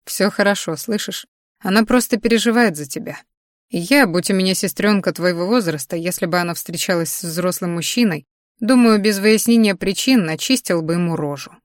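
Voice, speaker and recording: A woman voicing a calm adult man who soothes and teases his young girlfriend in an audiobook. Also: mid-range voice, moderate pace, dry recording, studio quality, natural voice. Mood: soothing. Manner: soothing and teasing. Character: calm grown man, tender boyfriend.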